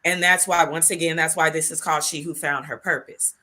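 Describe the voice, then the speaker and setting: Speaking fairly quickly in a low, bright voice with a forceful tone and fairly even intonation, this middle-aged woman hosts the show she created. The conversation is heartfelt; she comes across as earnest and reflective, with moments of laughter and tears.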